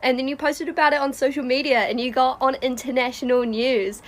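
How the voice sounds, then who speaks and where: A woman's voice: high voice, steady tone, a little fast. A woman with a New Zealand accent telling a long run-on story for a social media challenge.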